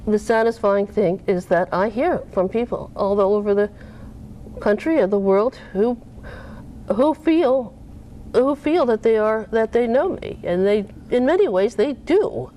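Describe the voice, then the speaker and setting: A woman author being interviewed, talking casually with animated pitch that jumps up when she makes a point. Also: unhurried, slight background noise. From Cape Cod, US.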